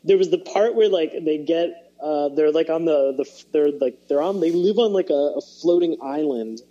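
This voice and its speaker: A podcast co-host chats casually, rambling with many fillers and restarts and laughing as he retells scenes. He speaks at a normal speed in a fairly high, mellow voice, and the recording is muffled.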